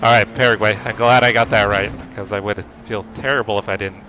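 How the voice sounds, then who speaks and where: A man's voice: on the low side, steady tone, a little fast, sharp tone, low-quality recording. A man streaming while he races, chatting casually with viewers and muttering asides to himself as he drives. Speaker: sim racing livestreamer and driver. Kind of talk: casual livestream chat while racing. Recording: clear car engine noise behind. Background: racing car engine.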